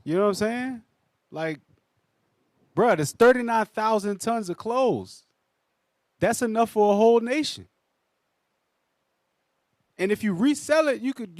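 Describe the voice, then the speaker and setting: High-pitched, slangy man. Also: expressive, measured pace, pauses often, no room sound, clean studio sound. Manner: slangy, emphatic, repeats himself. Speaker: panelist on a religious group's news discussion show. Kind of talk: casual group discussion of news.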